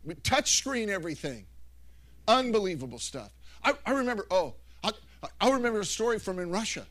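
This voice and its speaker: Middle-aged preacher guy, high voice, rambles through stories, lots of restarts. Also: a little fast. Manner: rambling, animated storytelling with many restarts. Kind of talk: anecdotal sermon.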